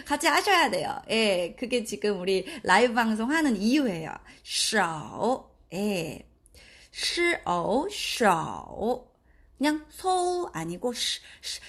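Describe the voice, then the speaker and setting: A woman teaching Chinese pronunciation in a live online lesson, stretching out syllables slowly to demonstrate the tones. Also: mid-range voice, fairly bright tone, echoey room.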